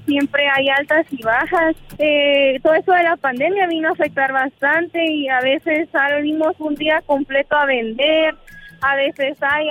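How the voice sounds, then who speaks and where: A woman calling into a radio show from a bus, speaking earnestly and softly. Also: high-pitched. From Mexico. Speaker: caller. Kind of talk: phone-in conversation. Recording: tinny phone line with music.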